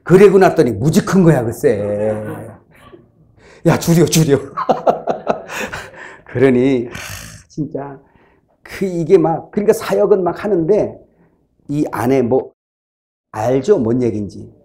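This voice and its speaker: Korean pastor preaching with mellow animated voice. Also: male voice, medium pitch, takes it slowly. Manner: animated storytelling, acting out voices and laughing. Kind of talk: sermon.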